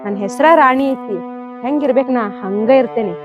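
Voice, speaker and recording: A woman's voice: fairly high pitch, normal speed, highs cut off, over music. A woman with a North Karnataka accent acting a complaining young wife in a village comedy skit, whining and then plotting in asides. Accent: North Karnataka Kannada.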